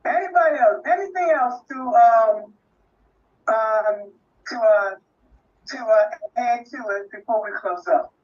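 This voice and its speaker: A man in his sixties closing a live online class as the instructor, halting and full of fillers and restarts. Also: high-pitched, muffled recording. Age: 60s.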